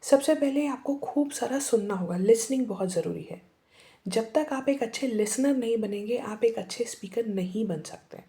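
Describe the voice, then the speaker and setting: A woman's voice: on the high side, warm tone. Woman teaching pronunciation. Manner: mixes English words into the talk, demonstrates accents. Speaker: English teacher. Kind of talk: casual explanatory lesson.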